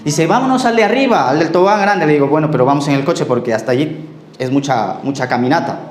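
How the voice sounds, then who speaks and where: A male pastor preaching a sermon and telling personal stories, acting out the dialogue and sometimes trailing off quietly. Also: mid-range voice, fast talker, roomy sound, a little hiss or hum. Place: church.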